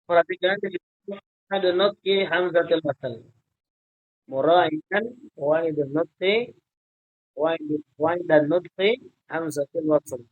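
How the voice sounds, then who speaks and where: Man, teacher, online grammar lesson, patient, unhurried, slightly high voice. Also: narrow, tinny audio. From Indonesia. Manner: patient, explains step by step, prompts students by name. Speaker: Arabic teacher.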